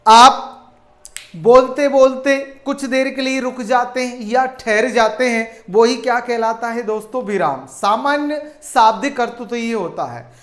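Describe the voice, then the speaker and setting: A male teacher delivers an online grammar lesson at an unhurried pace. He keeps calling his viewers friends and answers his own questions. The voice sits in a noticeably echoey room. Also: extremely high pitch.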